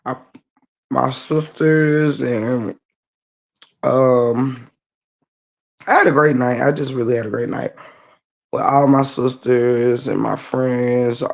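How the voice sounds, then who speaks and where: Lying in bed at home, a livestream host with a naturally low voice greets viewers in laid-back, casual chat, her voice scratchy after a night of singing. She talks slowly and steadily with a creaky, darkish tone and long pauses, and the stream audio is dull and lo-fi.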